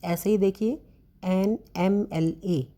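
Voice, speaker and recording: A woman teaching a grammar lesson to students, explaining slowly and asking questions she then answers herself. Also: medium pitch, steady tone, mellow. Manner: slow, explanatory, asks questions and answers them; addresses students as beta.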